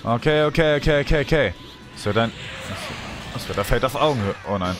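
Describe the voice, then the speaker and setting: A young man hosting a video game let's play, commenting excitably and complaining loudly as he plays. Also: mid-range voice, a little fast, over music. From Germany. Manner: complaining, exclaiming, animated.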